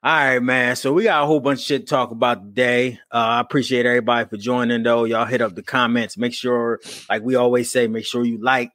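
A man's voice: mid-range voice, little pitch movement, quick pace, hardly any pauses, fairly bright tone, no echo. Man, podcast co-host, casual chat, laughs a lot, profane, dry close mic. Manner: laughs often, loose and profane.

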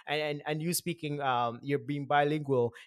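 A man's voice: fairly high pitch, fairly even intonation, moderate pace, dry recording, clean studio sound. A man hosting a podcast in a casual, rambling way, repeating phrases for emphasis. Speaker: podcast host. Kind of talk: casual chat.

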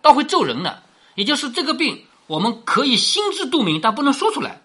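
Woman storyteller, lively intonation, bright slightly husky voice, chatty explainer. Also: sits high, fast. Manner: chatty, rhetorical questions, laughs while explaining. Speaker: storyteller explaining a classic novel.

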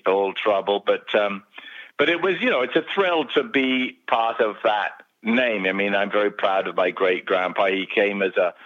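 Englishman, very low voice, heard over the phone, chatty storyteller, muffled line. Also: normal speed. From England. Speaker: phone-in guest. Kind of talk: radio interview. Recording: dull phone-line sound.

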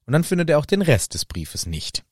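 A man co-hosting a podcast, easygoing and agreeable in casual talk. His voice moves up and down in a lively way, and the sound is dry and close. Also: a little high, a little fast, no echo. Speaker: podcast co-host. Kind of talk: casual chat.

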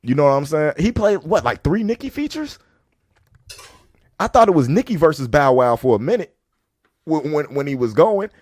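A man co-hosting a casual podcast, telling stories in an animated way with many restarts. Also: on the high side, moderate pace, pauses often, dry recording, clean studio sound. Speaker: podcast co-host. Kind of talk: casual chat.

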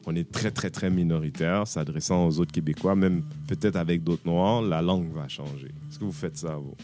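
A man's voice: low voice, normal speed, warm tone, faint music behind. A man hosting a casual podcast chat, asking questions and slipping into English phrases. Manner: conversational, asks questions, switches into English phrases. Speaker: podcast host.

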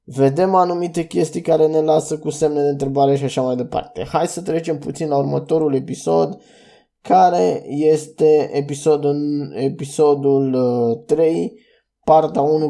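Podcast host: young man, mellow darker tone, slightly higher pitch, casual rambling delivery. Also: steady tone, creaky. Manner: chatty, loose and rambling, with restarts and fillers. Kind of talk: casual solo podcast review.

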